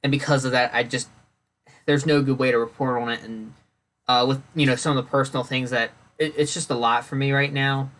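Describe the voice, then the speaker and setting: Sounding congested and phlegmy, this man speaks at a brisk clip in a medium-pitched, fairly even, slightly bright voice. He's hosting a casual solo podcast, rambling loosely and correcting himself, full of fillers and restarts.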